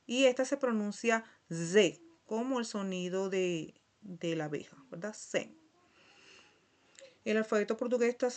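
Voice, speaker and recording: A woman's voice: medium pitch, a little mellow. A woman teaching a Portuguese lesson in Spanish, going through the alphabet letter by letter and often checking in with "¿verdad?". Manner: patient, checks in with frequent "¿verdad?"; spells out letters one by one. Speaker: language teacher. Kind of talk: slide-based Portuguese lesson for Spanish speakers.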